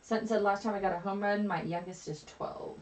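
A woman's voice: medium pitch, fairly even intonation, brisk, low-quality recording. A woman co-hosting a live card break, reading out viewer comments and teasing her co-host. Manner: reads out chat comments and teases her co-host. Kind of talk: casual live stream chat.

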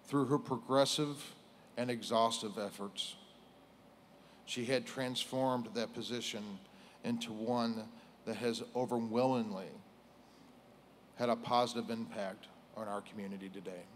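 A middle-aged American man speaks at a funeral in a medium-pitched voice. His delivery is solemn and formal, broken into short, measured phrases. He is on a lectern microphone on a stage, with some noise behind him. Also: steady tone. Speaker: police chief giving a eulogy. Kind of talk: formal prepared funeral speech.

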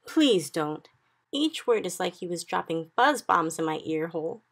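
A big, good-natured giant , as a woman puts him on for a storybook reading, booming and rough-voiced, twisting his words into odd grammar. The tone is gravelly and bright, with a slightly husky edge. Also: lively intonation, fairly quick, heavily acted. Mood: exclaiming. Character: big friendly male giant, kindly, muddled grammar.

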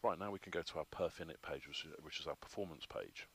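A man's voice: a bass voice, fast talker, vocal fry, breathy edge. A man, instructing a trainee in a flight simulator cockpit, patiently explaining each step with frequent ums. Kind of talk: hands-on instruction.

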